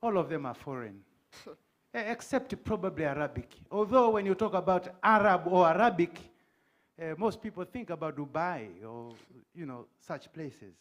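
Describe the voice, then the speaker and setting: A middle-aged man speaks up from the floor of a conference, making his case with a short story before his question. His voice sits a bit high for a man, and his manner is earnest and pointed. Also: lively intonation, moderate pace. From Tanzania. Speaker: audience member asking a question.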